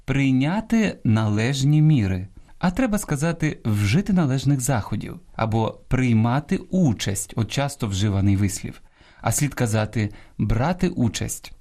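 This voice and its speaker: A man's voice: medium pitch, expressive, moderate pace, warm tone. Man teaching correct speech on radio. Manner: didactic, corrects common mistakes word by word. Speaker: radio program host. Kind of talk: language lesson on radio. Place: radio studio.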